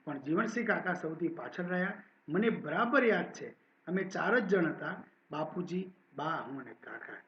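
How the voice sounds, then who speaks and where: A male college professor reading a literary text aloud in a measured, expressive way and then explaining it as a lecture. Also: on the high side, reverberant, muffled recording, a little hiss or hum.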